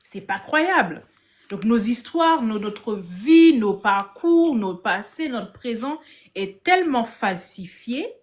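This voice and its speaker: A woman joining a live discussion from her phone tells a story casually and energetically, slightly high-pitched and slow. She frequently begins her phrases again and plays out the dialogue of the people in the story.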